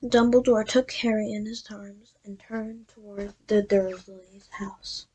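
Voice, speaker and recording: A woman reads a storybook aloud in a soft, half-whispered voice. She goes slowly and keeps a fairly flat, even line. She often stops to fix small slips. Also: mid-range voice, slightly rough, low-quality recording. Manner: soft, half-whispered, with frequent self-corrections. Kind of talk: reading a book aloud.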